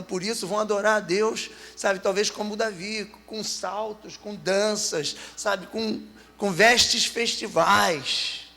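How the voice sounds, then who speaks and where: A man's voice: sits high, gravelly, fairly bright tone. A man preaching a sermon at a youth congress, telling a personal story and reading psalms aloud with rising emphasis. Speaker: pastor. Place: church hall at a youth congress. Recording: long reverb of a church hall.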